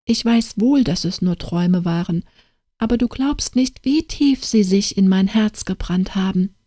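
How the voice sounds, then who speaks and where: A woman voicing a dreamy, pleading young woman in an audiobook tale, speaking softly and imploringly. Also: medium pitch, a little slow, no echo, studio quality, lightly acted. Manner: soft, imploring.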